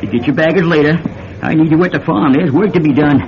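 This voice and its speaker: Man playing crusty old new farm dad in a radio play, gruff and terse, dull sound. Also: a little high, fast talker, natural voice. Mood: curt, grudging. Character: stern, grudging old New England farmer father. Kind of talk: radio drama acting. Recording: dull radio recording with faint noise.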